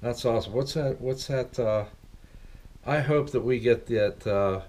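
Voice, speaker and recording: Unhurried and a little mellow, a mid-range male voice comes from a middle-aged man hosting a laid-back living-room vlog. He sits at his desk speaking into a laptop webcam, chatting, wandering off topic and asking his viewers many questions.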